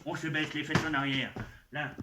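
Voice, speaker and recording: In an echoey live venue with background noise, a man with a slightly high, steady voice speaks at normal speed. Playing a goblin expert, he entertains children in a playful comic show, coaxing them and speaking right to them.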